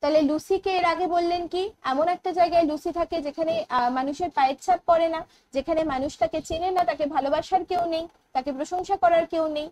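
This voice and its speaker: Woman teacher, Bengali accent, high voice, faint hiss, slow poem reading between explanations. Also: darkish tone, poor audio. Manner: explains in Bengali mixed with English terms, reads poem lines slowly. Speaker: English teacher. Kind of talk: online exam-prep lecture.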